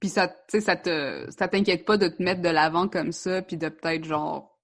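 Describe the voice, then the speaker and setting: Lower-voiced Québécois woman host. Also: normal speed. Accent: Québécois French. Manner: relaxed questioner, mixes in English words. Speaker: podcast host. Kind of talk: casual interview chat.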